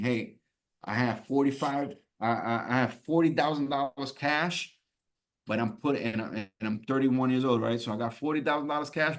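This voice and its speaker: A man teaching an exam-prep class in a conversational way, often checking in with "right?" and "okay?" and repeating key points. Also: mid-range voice. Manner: repeats key points to drive them home. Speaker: instructor.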